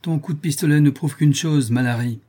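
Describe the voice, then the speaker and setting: A man's voice: fairly high pitch, brisk, dark tone, voice pushed up, close to an everyday voice. A man voicing a stern, powerful ship's master accusing a traitor in a storybook reading.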